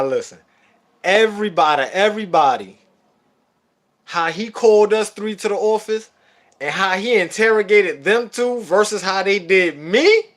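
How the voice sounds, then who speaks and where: A man hosting a livestream, telling a story in an animated, profane, casual way. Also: high voice. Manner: animated and profane, laughing at his own story. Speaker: livestream host.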